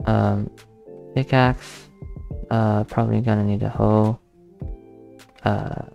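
A young gaming channel host, not a native English speaker, sits at his desk giving casual let's play commentary, talking slowly with frequent pauses, thinking aloud, counting under his breath, laughing nervously and getting easily spooked. His mid-pitched voice is gravelly and creaky with little pitch movement. The audio is dull, and soft background music plays faintly underneath.

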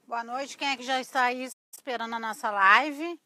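In a small, cluttered indoor craft workshop, a middle-aged Brazilian woman hosts a relaxed live-stream tutorial, chatting informally and often addressing her viewers like a craft teacher. Her high, thin, reedy voice has a sharp, slightly cracked edge, and she talks at normal speed into a clip-on lapel mic.

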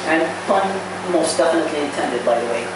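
Fairly high in pitch and lively in intonation, a young comedian from Saudi Arabia works an open mic in a small bar, halting, restarting lines and pausing at length. His handheld mic isn't what's heard; a far-off camera records the echoey, noisy bar.

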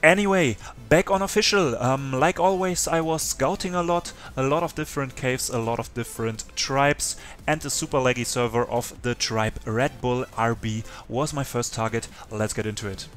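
A man's voice: medium pitch, normal speed, hardly any pauses, a bit bright, faint music behind. A man narrating his online survival game clips for his channel in a chatty way, talking to viewers. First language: German. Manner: chatty, talks straight to viewers. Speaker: gaming YouTuber narrating. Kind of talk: casual gameplay narration.

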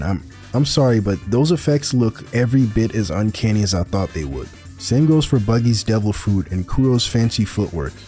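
A man's voice: on the low side, warm tone. A young man narrating a scripted video essay in a dry, sarcastic way.

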